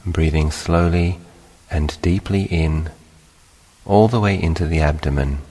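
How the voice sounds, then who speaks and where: A monk who teaches meditation leads a session in a very deep, husky bass voice. He speaks slowly, calmly and instructively, with long pauses between short phrases, and a long reverb makes it sound like a large hall.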